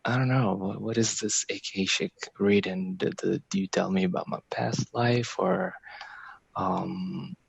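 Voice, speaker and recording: A man from Algeria calling in to a show, excited and halting, with many fillers, on dull lo-fi call audio. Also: sits low, gravelly, husky, no room sound. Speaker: caller. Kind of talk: call-in conversation.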